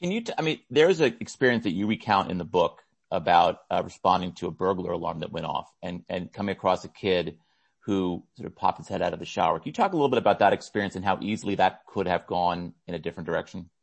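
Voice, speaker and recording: A man hosting an interview podcast, asking questions in a quick, conversational way with restarts. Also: deep voice, lively intonation, creaky, slightly rough. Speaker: podcast host. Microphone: video call.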